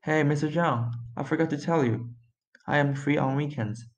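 A friendly young policewoman speaks in a lifted, eager voice, voiced by a teenage boy. She sounds bright and earnest, like a character in a storybook read-aloud. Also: a little high, normal speed, voice pushed up, lightly acted. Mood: cheerful.

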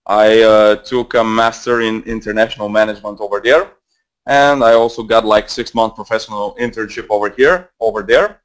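Talking through a headset microphone, a twenty-something Bulgarian man with a Bulgarian accent runs a live trading webinar as a mentor. His voice is on the low side, steady in tone and normal in speed, and he rambles loosely with plenty of fillers and false starts.

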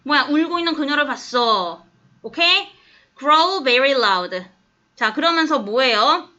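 A woman teacher's voice, high and bright, walks a class through an English passage. She coaxes the students and keeps checking whether they follow. The recording is dull and lo-fi, as if captured in the classroom. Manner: coaxing, keeps asking the class if they understand. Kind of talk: classroom lesson explaining an English text.

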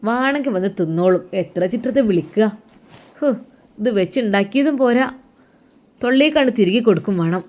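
A sharp-tongued mother-in-law shouting up the stairs, loud and sarcastic, put on by a woman storyteller. Her voice rises, carrying a biting, scolding edge. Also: a little high, normal speed, clear, resonant tone, voice pushed up, lightly acted. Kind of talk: storytelling role-play.

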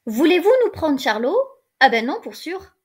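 A woman's voice: sits high, very animated, moderate pace. A woman voicing an angry peasant mother who bluntly refuses to give up her son, in a storybook reading. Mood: indignant. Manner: indignant, blunt country speech.

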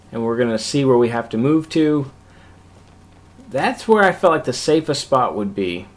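A man with an ordinary mid-range voice talks through recorded gameplay in a relaxed, casual tone. He explains each move step by step, like a host walking his squad through a past match. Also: medium pitch.

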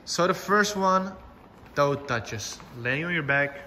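Bright-voiced, unhurried male workout instructor. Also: on the high side, expressive, long reverb tail, slight background noise. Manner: encouraging, short commanding cues. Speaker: fitness class instructor. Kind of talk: instructing a home workout class with cues and countdowns.

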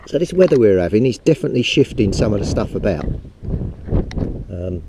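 A man's voice: fairly low pitch, sing-song, brisk. Chatty man on a windy beach. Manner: chatty, rambling, talks to camera while digging. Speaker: metal detecting vlogger. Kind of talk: casual narration while detecting. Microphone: head-mounted action camera. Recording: wind-buffeted outdoor action-camera audio. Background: wind and sea noise.

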